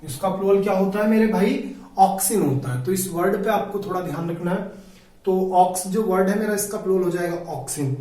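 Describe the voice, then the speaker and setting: A male grammar teacher with a high, warm voice speaks fairly quickly in a classroom-style video lesson. He repeats each point, asks and answers his own questions, and often calls his listeners "brother." The room is very echoey and he sounds far from the mic.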